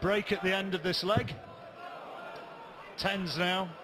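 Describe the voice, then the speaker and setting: A man's voice: sits high, level tone, slow. A man giving live darts commentary, with a noisy crowd behind him.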